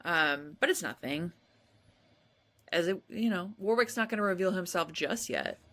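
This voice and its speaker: A woman with a bright, sharp-edged voice co-hosts a casual podcast. She laughs often and acts out lines from the film as she recaps it. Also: fairly low pitch, lively intonation, moderate pace. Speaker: podcast co-host. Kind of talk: casual movie-recap chat.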